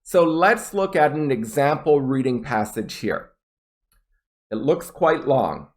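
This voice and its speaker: A man teaching an online English test lesson, speaking clearly and deliberately and exaggerating rising intonation to demonstrate. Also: mid-range voice, expressive.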